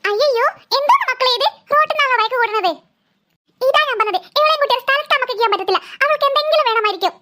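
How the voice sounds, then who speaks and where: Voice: very high-pitched, racing, pushed and bright, a little hiss or hum. A voice actor doing a weary cartoon mother. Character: tired mother short of money.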